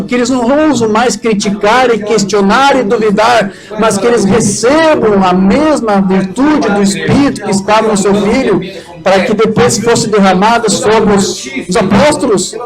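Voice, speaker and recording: Soft music runs under a low-quality recording of a Brazilian man with a Brazilian Portuguese accent, who preaches a sermon, leads a prayer, and fervently calls for amens from the congregation. His voice sits high and he speaks at a normal speed.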